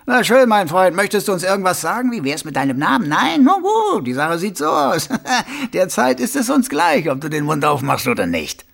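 A man voicing rough city guards who taunt a prisoner in raised, mocking voices. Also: sits high, wildly swooping pitch, normal speed, hardly any pauses, a bit bright, voice pushed up, exaggerated voice. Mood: mocking threat. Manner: taunting, brusque.

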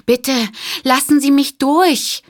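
Woman doing a shrill flustered phone operator. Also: fairly even intonation, slow pace. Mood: urgent. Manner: high-pitched, urgent, pleading.

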